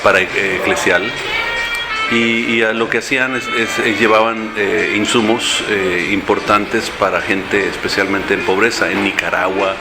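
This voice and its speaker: A man's voice: lowish voice, steady tone, unhurried, over loud music. An older man, a mayoral candidate, answering interview questions in a café, hesitating with many fillers and restarts. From born in San Antonio, Texas, raised in Mexico and Central America. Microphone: handheld recorder held close.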